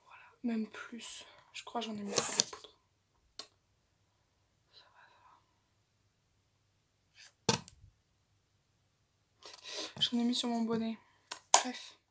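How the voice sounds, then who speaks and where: A woman's voice: fairly high pitch, level tone, slow, pauses often. A woman beauty vlogger chatting through a casual makeup tutorial, often half-whispering and drifting into rambling asides, recorded on a phone. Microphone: phone camera.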